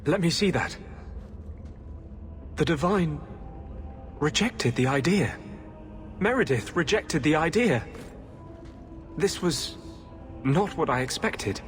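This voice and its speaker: A man's voice: a little high, expressive, slow pace, pauses often, faint music behind. A man playing a troubled, idealistic rebel mage in a video game, speaking in an earnest and urgent way. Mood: subdued, troubled.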